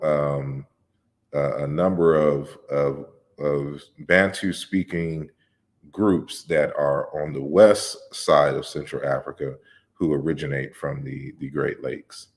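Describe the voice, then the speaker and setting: A man with an extremely deep, low voice hosts a casual livestream. He reads viewer comments aloud and answers at length, relaxed and conversational. His explanations are measured and lecturing, with frequent fillers and restarts. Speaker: host of an open discussion livestream.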